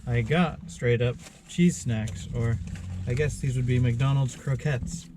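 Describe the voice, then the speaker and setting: A man's voice: medium pitch, steady tone, unhurried. American man hosting a snack-tasting vlog. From United States. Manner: easygoing, explains each snack. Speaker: vlog host. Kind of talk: casual food-tasting vlog. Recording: noisy background ambience.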